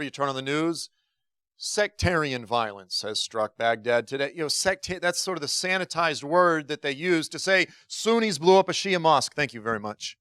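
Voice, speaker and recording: A man's voice: fairly high pitch, fairly bright tone, clear, resonant tone, no room sound, clean studio sound. A man giving a conversational Bible teaching talk to a congregation, informal and joking, with frequent restarts and asides.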